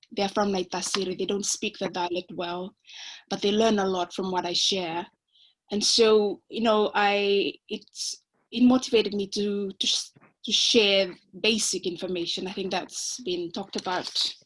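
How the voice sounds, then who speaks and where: Over a video call during a panel discussion, a woman from Fiji, a native Fijian speaker with a Fijian accent, talks thoughtfully and hesitantly. Her pitch is ordinary, she pauses often on filler sounds, and the recording is rough.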